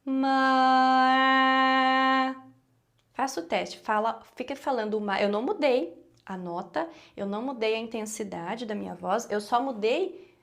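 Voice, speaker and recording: A woman's voice: fairly high pitch, lively intonation, normal speed, creaky. A woman with a Brazilian Portuguese accent teaching a singing lesson, explaining patiently and checking in with her students often.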